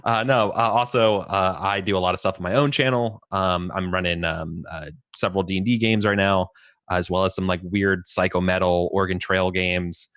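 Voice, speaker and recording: A man's voice: sits low, steady tone, normal speed, a bit bright, dry recording, dull audio. A man in his late twenties, a guest on a podcast who runs tabletop games, talking casually in a laid-back way. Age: late 20s. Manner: laid-back, lots of "uh" fillers and restarts.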